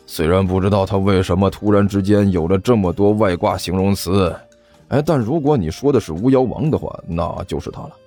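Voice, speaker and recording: A bored, boastful demon overlord drawls in a lower, dismissive voice, as a male storyteller puts him on. He brushes off whatever he hears and brags without effort. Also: fairly quick, warm tone, faint music behind. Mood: irritated. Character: lazy, smug male demon king.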